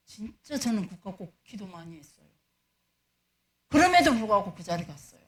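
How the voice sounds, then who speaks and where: A woman's voice: mid-range voice, very animated, a little fast. A middle-aged woman, a pastor's wife preaching a storytelling sermon and acting out the dialogue she recounts.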